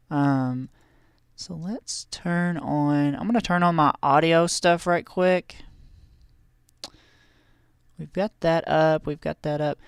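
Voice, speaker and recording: Clear, resonant and a little high, this man's voice carries no room sound. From a heated room at home he streams a park-building game over a headset, chatting in a rambling style thick with fillers and restarts.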